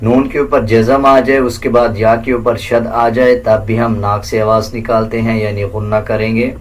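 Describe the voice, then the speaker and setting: Man teaching Quran recitation rules. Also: level tone. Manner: explains rules plainly, then recites verses slowly in a higher melodic chant. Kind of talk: tajweed lesson explaining, then reciting.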